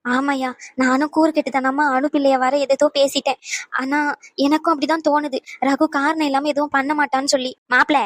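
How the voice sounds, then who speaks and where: A gossiping old mother-in-law in a cartoon, played by a woman, rattling off her tattling at great speed in a high, dry voice. She schemes and stirs trouble. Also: level tone, a bit bright, no echo. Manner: rapid, shrill, tattling. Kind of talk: animated cartoon voice acting.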